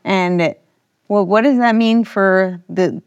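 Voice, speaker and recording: A woman's voice: mid-range voice, slow pace, no echo, dull audio. A woman hosting a casual conversational podcast interview, thinking aloud in a tentative way. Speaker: podcast host.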